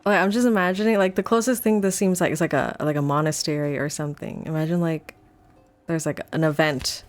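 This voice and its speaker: A woman's voice: low voice, steady tone, fairly quick, faint music behind. A woman streamer reading a novel aloud in a casual live-stream reading, breaking off for chatty asides full of "like".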